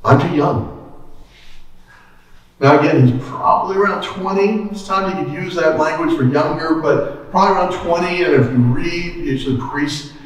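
A middle-aged man, a pastor, preaching an earnest, measured sermon in a small church, holding a handheld mic. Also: on the high side. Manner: earnest, measured teaching with occasional restarts. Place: small church sanctuary, indoors. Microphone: handheld mic, filmed from the back of the room. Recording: echoey church from far off.

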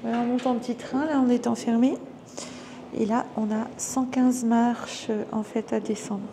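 A woman's voice: a little high, fairly even intonation, normal speed. A woman in her fifties chatting casually while filming a visit for her travel vlog on a handheld camera. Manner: chatty, spontaneous, filming as she walks. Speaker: travel vlogger. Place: outdoors and inside a tourist site. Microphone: handheld action camera. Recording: clear background noise from the surroundings.

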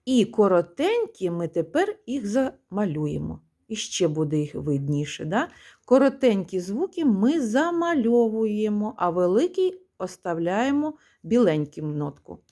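A woman music teacher giving a one-on-one lesson, patiently prompting her pupil and chanting rhythms slowly. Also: medium pitch, sing-song, dark tone.

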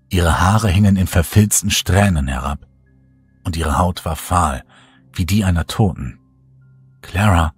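A man reading a horror story aloud as a narrator, in a slow, hushed and dramatic style. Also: deep voice, breathy edge, no room sound. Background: faint music.

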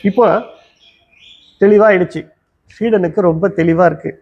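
A man with a Tamil accent giving a Vedanta discourse in an ashram, explaining step by step and slowly chanting Sanskrit verses. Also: high voice, gravelly, muffled recording. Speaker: Vedanta teacher. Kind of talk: spiritual discourse. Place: ashram teaching hall.

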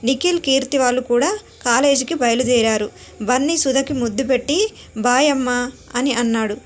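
Woman, storyteller, high voice, expressive scripted narration. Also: a little fast.

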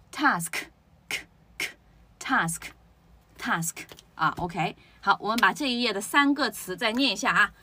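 A woman's voice: medium pitch, a bit bright, slight background noise. A woman teaching a pronunciation lesson, explaining step by step, asking rhetorical questions and drilling words aloud. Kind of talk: spoken lesson.

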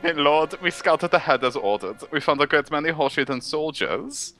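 A man's voice: a little high, lively intonation, normal speed, pushed and bright, faint music behind, pitched above the performer's own voice. A man voicing a blunt male soldier reporting to his lord in a fan dub of a video game. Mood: grim.

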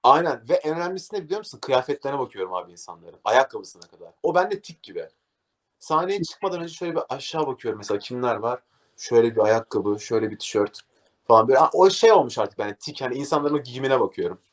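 A young man, a DJ, talking casually in an interview and acting out a story with lively energy. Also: medium pitch, quick pace. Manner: animated, acts out scenes, says "abi" a lot. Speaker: DJ guest.

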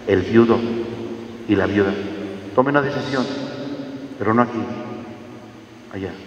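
A man's voice: on the low side, a little hiss or hum. A man giving an earnest Lenten talk, calling his listeners his children. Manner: earnest, addresses listeners as children, acts out dialogues. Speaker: parish preacher. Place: church or parish hall. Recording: echoey hall, voice from far off.

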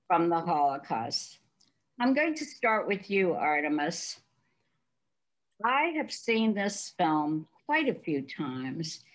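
An older woman moderating a panel discussion over a video call from her living room, speaking in a measured, deliberate way. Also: lowish voice, rough recording.

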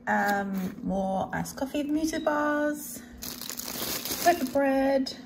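There's background noise as an Australian woman with a high, expressive voice talks very slowly to camera about her grocery haul. Her vlog chat is casual and off the cuff, with sentences that often drift off unfinished.

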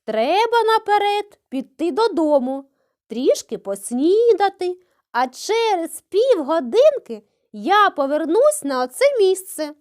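A woman voicing a sly, unhurried male hedgehog in a children's fairy tale. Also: very high-pitched, sing-song, a little mellow, heavily acted.

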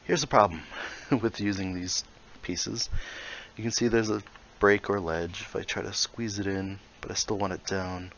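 Lo-fi audio with slight background noise captures a man whose voice sits low, with a steady, fairly bright tone and a moderate pace. As a VR building tutorial creator, he casually talks through his in-game construction, thinking aloud and muttering small asides.

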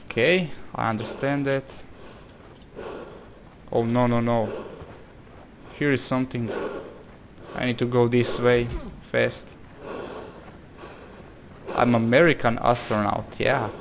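A man with a Croatian accent, from Croatia, casually comments on a game in a let's-play, hesitant and exclamatory as he reads the game's text aloud. His medium-pitched voice is level and slow with vocal fry and frequent pauses, on a low-quality recording with slight background noise.

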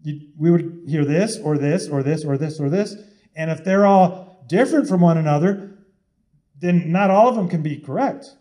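A man preaches with urgency and repeats his key points over and over. His voice sits a little high, but its tone is warm and mellow. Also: moderate pace. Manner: urgent, repetitive exhortation. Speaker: online preacher. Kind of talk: impassioned sermon-style talk.

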